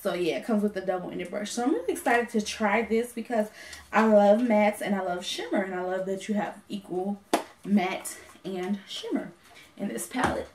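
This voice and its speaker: A woman's voice: medium pitch, normal speed, noisy background. A woman chatting casually about a makeup haul, rambling with lots of ums and self-corrections. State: has the hiccups. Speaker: beauty vlogger. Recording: echoey room.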